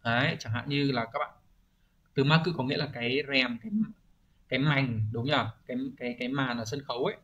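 A man's voice: mid-range voice, a little fast, a bit bright, dull audio. A man teaching an exam-prep vocabulary lesson, explaining each answer and often checking understanding with rhetorical questions. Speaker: Japanese language teacher.

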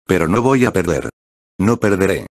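A man's voice: deep voice, sing-song, moderate pace, no echo, clean studio sound. A man voicing a desperate, defiant young male hero in an audiobook.

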